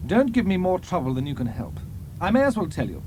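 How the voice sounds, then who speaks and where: A man's voice: high-pitched, huge pitch swings, fast, mellow, slight background noise, pitched above the performer's own voice. A man voicing a sunburnt young British army officer who questions a prisoner in a curt, commanding way. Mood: stern.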